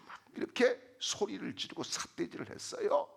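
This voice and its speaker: A middle-aged pastor delivers a sermon with a husky, gravelly voice. His pitch swings widely, climbing into shouted refrains. Between them he tells humorous stories and acts out the characters. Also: huge pitch swings, normal speed. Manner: preaching with rising shouted refrains.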